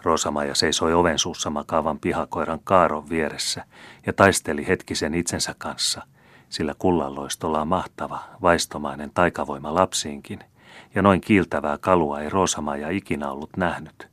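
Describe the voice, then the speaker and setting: Brief: male audiobook narrator, very deep voice, steady measured reading, dry close sound. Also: no echo. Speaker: audiobook reader. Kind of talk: scripted narration.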